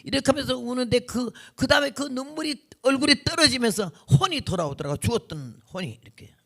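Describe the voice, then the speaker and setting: A woman's voice: high-pitched, animated, fast talker, a bit bright. A woman in her seventies, a missionary revival preacher, telling her testimony in a vivid, blunt, folksy way, acting out what people said. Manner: vivid, blunt, folksy storytelling with acted quotes. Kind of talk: sermon testimony storytelling.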